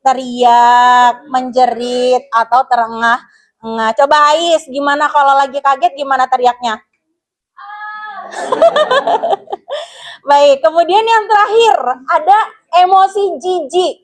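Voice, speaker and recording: In a high, steady voice and at an unhurried pace, a woman gives a classroom guidance lesson, walking pupils through each point in turn. Patient like a school counselor, she keeps asking the class questions and warmly calls the children "Nak."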